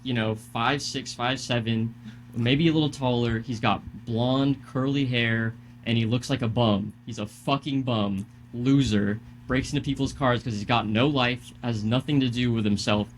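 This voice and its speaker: A man's voice: mid-range voice, fairly even intonation, moderate pace, slight background noise. Heated, cursing young man telling a story. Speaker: podcast co-host. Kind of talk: casual podcast chat.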